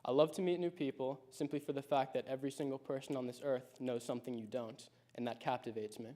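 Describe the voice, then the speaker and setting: A boy in his late teens, a high school senior, reads a personal speech he prepared beforehand. He tells his story thoughtfully and at a measured pace, holding his pitch fairly level. His voice is mellow and on the darker side, with a steady tone.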